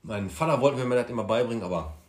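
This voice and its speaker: A man's voice: mid-range voice, fast talker, roomy sound, crowd noise. A man from Münsterland co-hosting a casual evening podcast chat, speaking standard German and answering with short, dry jokes. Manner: dry, joking short replies. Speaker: podcast co-host.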